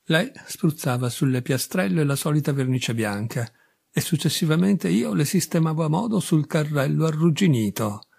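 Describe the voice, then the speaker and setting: Man narrating an audiobook, measured. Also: on the high side, expressive, creaky, a little mellow, breathy edge. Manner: measured, first-person storytelling, dry and bitter. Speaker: audiobook reader.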